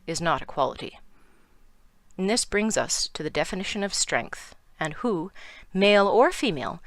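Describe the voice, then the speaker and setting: A woman's voice: mid-range voice, fairly bright tone, no echo. A Canadian woman delivering a scripted, sarcastic opinion monologue with emphatic outbursts. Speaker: commentary video host.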